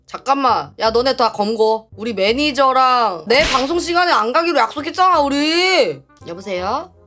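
A young woman streamer chatting casually, venting in a sulky, whiny way with sudden loud outbursts. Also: high-pitched, animated, normal speed, faint music behind. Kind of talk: casual livestream chat.

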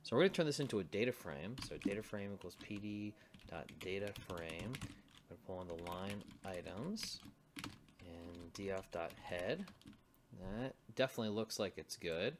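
Working on screen in a casual coding tutorial, this presenter mutters to himself and thinks out loud while typing. He has a low voice with lively intonation and a moderate pace, against a noisy background.

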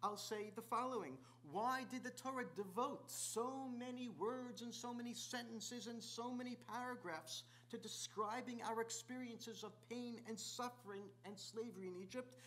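A man's voice: very high voice, a bit bright. A middle-aged man, a visiting rabbi, gives a sermon in a large synagogue sanctuary, stacking up repeated rhetorical questions. He is picked up by a distant camera.

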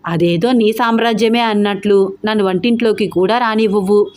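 A woman's voice: mid-range voice, steady tone, moderate pace, a little mellow, close to an everyday voice. A quarrelsome toothless old mother-in-law, as a woman narrator puts her on, scolds and grumbles at her family. It is told as a spoken storybook. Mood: scolding.

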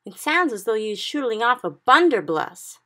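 A big, good-natured giant , as a woman puts him on for a storybook reading, booming and rough-voiced, twisting his words into odd grammar. The tone is gravelly and bright, with a slightly husky edge. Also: lively intonation, brisk, exaggerated voice. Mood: exclaiming. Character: big friendly male giant, kindly, muddled grammar.

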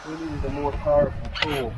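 Dry-spoken man over loud site noise. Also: a little high, fairly even intonation, brisk. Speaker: builder. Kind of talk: casual work chatter. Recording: loud noisy job site.

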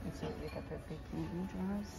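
Loud music sits behind a woman whose voice is on the low side, creaky and fairly quick. Walking through a large, noisy store, she films on her phone and casually narrates her shopping vlog, calling out prices.

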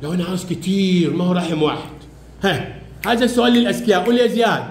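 A man's voice: high voice, very fast, a little hiss or hum. A man with an Egyptian accent teaching a primary class, coaxing pupils with repeated questions. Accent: Egyptian Arabic. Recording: echoey classroom.

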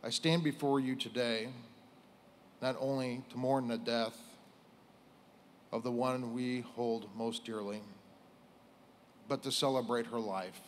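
An American man in his forties delivers a prepared funeral speech in a solemn, measured way, pausing between short phrases as a police chief at a lectern. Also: medium pitch, steady tone, slight background noise. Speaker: police chief giving a eulogy. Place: indoors on a stage at a lectern. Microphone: lectern microphone.

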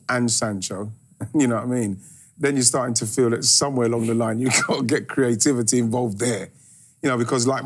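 A man's voice: medium pitch, husky. A man in his sixties chatting through football analysis in a TV studio, laughing between points. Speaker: football pundit. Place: large TV studio.

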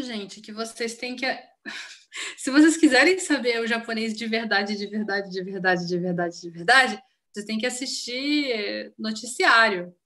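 A woman's voice: fairly high pitch, a bit bright. A woman with a Brazilian Portuguese accent giving a casual live-stream language lesson, chatty and full of examples, often checking that viewers follow. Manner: chatty, explains with many examples and check-ins. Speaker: Japanese teacher.

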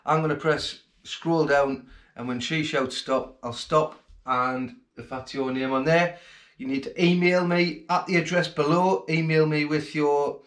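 A man's voice: a little high, fairly even intonation, measured pace, fairly bright tone. Man, fishing vlog host, casual thankful chatter, echoey home room, camera mic a few feet off. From England. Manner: chatty and grateful, plain-spoken. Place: home kitchen, then living room, indoors. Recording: roomy home acoustics.

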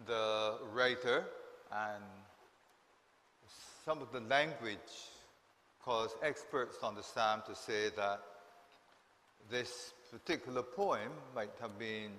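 A man preaching a funeral sermon in a slow, deliberate way, repeating key phrases. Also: mid-range voice, fairly bright tone. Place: church. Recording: long reverb from a large hall.

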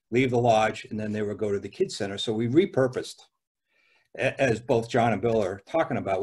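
A man in his sixties, speaking on a panel over a video call from a dim room at home, halting, with many restarts and fillers. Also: lowish voice, slightly rough. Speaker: ski area owner on a panel. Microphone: video call webcam.

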